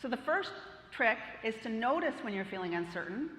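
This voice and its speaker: Woman keynote speaker, middle-aged, bright voice, playful and lively, echoey hall with long reverb. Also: fairly high pitch, brisk. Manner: lively, playful storytelling with audience questions. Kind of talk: conference keynote talk.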